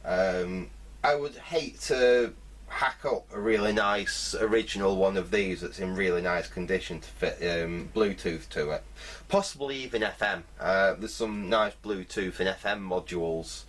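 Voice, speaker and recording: A repair video host talks through his hands-on work in a low, unhurried voice, hesitant and rambling as he thinks aloud.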